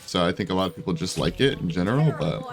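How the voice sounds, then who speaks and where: Low-pitched and fast-talking, the YouTuber keeps a lively intonation as he rambles casually over gameplay. Congested and with a voice slightly giving out, he uses slangy gamer speech, self-deprecating jokes, and plenty of "dude" and "bro."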